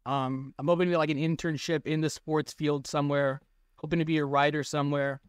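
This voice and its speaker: A man's voice: on the high side, level tone, brisk, clean tone, dry recording, clean studio sound. Teenage boy talking, full of "like". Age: teens. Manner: rambling, lots of "like". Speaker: guest, baseball analytics tweeter. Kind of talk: casual interview answers. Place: small room indoors. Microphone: webcam on a video call.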